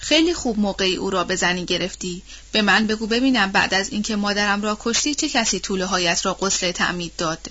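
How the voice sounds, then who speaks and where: Casting: woman narrator doing a proud young lady lashing out, cutting and commanding, muffled lo-fi audiobook sound. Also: mid-range voice. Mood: scornful. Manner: sharp, scornful, commanding.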